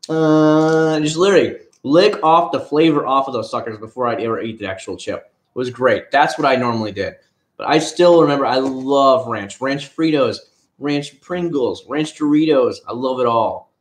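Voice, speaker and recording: A man's voice: mid-range voice, normal speed. Rambling man in an echoey room. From Florida. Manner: rambling, chatty, retells conversations. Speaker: livestream host. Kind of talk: casual livestream chat.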